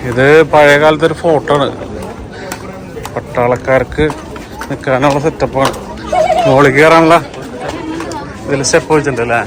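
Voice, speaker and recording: A man's voice: mid-range voice, fairly even intonation, moderate pace, pauses often. A man guiding companions in a casual outdoor vlog, mixing English words into Malayalam and often checking with questions. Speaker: vlog guide. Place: outdoors at a seaside fort. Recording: noisy outdoor audio, vehicles, chatter.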